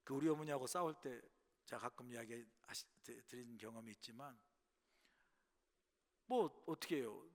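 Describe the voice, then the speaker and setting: A middle-aged man preaching a sermon as pastor, telling stories, dropping to hushed asides and rising to loud bursts. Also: medium pitch, moderate pace, pauses often. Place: church sanctuary. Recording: long hall reverb.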